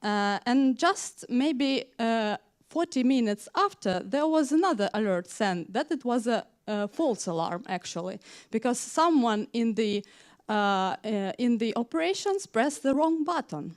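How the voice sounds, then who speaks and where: A woman from Ukraine, in her thirties, delivers a conference talk on a stage mic. Her voice sits a little high, and her is full of hesitant fillers. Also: animated, measured pace. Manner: hesitant, frequent "uh" fillers, non-native grammar. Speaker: conference speaker, tech manager. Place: conference hall.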